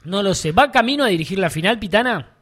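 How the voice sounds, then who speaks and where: Male panelist, high voice, sits back from the mic, wry skeptical jabs. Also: lively intonation, fast, fairly bright tone. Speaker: radio panelist. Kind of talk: casual sports radio chat.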